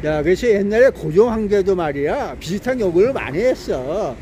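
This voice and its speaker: A man talks through a scolding political monologue in a high voice that leaps up and down. He keeps jabbing with rhetorical questions and chuckles to himself. His tone stays mellow, and soft traffic noise drifts in from outdoors. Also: lively intonation, normal speed. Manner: laughs to himself often. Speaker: political commentator.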